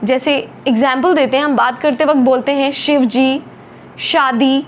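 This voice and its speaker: High-pitched woman teacher going through hindi letter sounds slowly, faint hum behind. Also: steady tone. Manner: slow, over-articulated letter sounds. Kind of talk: phonics lesson.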